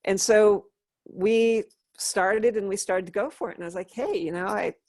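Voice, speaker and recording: A woman's voice: medium pitch, normal speed, darkish tone, no room sound, clean studio sound. A middle-aged woman from Western Massachusetts, chatting and laughing as she tells stories in an interview. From Western Massachusetts, USA. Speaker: interview guest. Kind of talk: casual storytelling.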